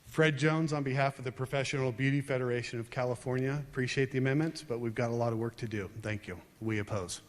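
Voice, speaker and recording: A man of middle pitch giving quick testimony for an industry group, talking fast and to the point. His businesslike words ring out with a long reverb in the hearing chamber. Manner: brisk and businesslike. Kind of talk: brief public testimony.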